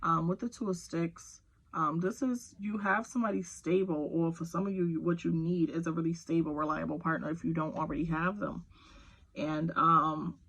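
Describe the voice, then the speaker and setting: Deep and steady, with a fairly bright tone, this woman's voice moves at a moderate pace as she gives an offhand tarot reading from home while her kids are around. Her talk wanders, is packed with fillers, and speaks straight to the viewer, all on poor-quality audio.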